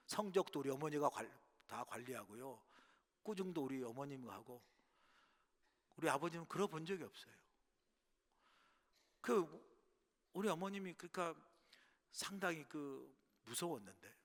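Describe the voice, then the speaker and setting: A middle-aged man preaching a sermon as pastor, telling stories, dropping to hushed asides and rising to loud bursts. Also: a little high. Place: church sanctuary. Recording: long hall reverb.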